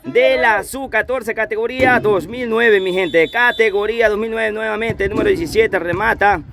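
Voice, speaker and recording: A man's voice: high voice, normal speed, gravelly, a crowd in the background. A man giving live play-by-play football commentary, repeating his phrases over and over. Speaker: amateur football match commentator. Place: outdoors at a football pitch.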